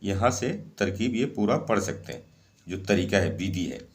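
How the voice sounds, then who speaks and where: A man's voice: low-pitched, animated, moderate pace. A man explaining a ritual step by step in a casual, repetitive way, often repeating phrases and checking in with "okay". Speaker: occult ritual instructor. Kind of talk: casual spoken instructions.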